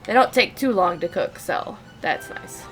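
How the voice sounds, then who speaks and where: A woman's voice: medium pitch, expressive, measured pace, faint music behind. A young woman chatting casually through a live game stream, laughing often and reading dialogue aloud.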